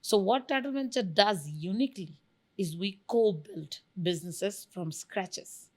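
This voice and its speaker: Unhurried and mid-range in pitch, the venture studio founder from Bangladesh answers the interviewer with emphasis and enthusiasm. As a guest, she lists examples to make her points.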